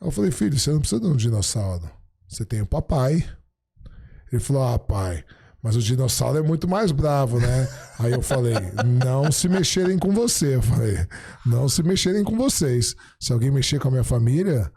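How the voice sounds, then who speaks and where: A middle-aged man, a podcast guest, chatting casually and telling stories, acting out the dialogue he quotes in an animated way. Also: medium pitch, a little fast, vocal fry, slightly rough. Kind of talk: casual storytelling chat.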